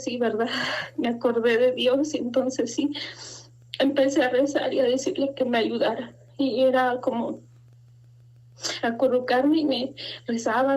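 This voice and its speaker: A middle-aged woman giving an earnest, halting personal testimony of faith and fear, her voice rising as she recalls her fears. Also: fairly high pitch, darkish tone. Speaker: guest giving a religious testimony. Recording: dull lo-fi sound.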